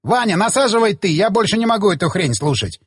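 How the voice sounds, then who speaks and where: A man voicing a touchy, excitable young man who keeps exclaiming indignantly. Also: high-pitched, normal speed, slightly rough, dry recording, studio quality, voice pushed up, heavily acted.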